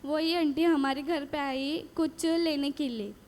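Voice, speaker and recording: A woman's voice: high-pitched, fairly even intonation, unhurried, a little mellow. A woman giving a personal faith testimony at a retreat, telling her story earnestly, repeating phrases and acting out dialogue.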